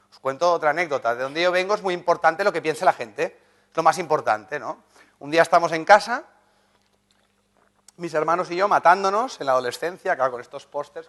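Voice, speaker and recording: A man giving a motivational conference talk, animated and anecdotal, joking with the audience. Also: a little high. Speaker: conference speaker, journalist and writer. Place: conference hall.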